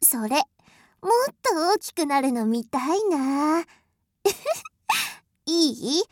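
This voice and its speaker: A woman's voice: high voice, expressive, takes it slowly, no room sound, studio quality. A woman voicing a haughty, spoiled rich young lady who is bossy, cruel and scornful, in an audio drama. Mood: mocking. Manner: imperious, scornful, mocking. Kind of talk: adult audio drama role-play.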